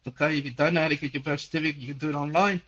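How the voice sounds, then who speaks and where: 60s guy from chile hosting a call-in, kinda high voice, lots of ums, muffled lo-fi sound. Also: steady tone, racing, a bit bright, slight background noise. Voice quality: nearly deaf. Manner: rambling, repeats words, frequent fillers. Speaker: host answering listener questions. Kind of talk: casual call-in chat.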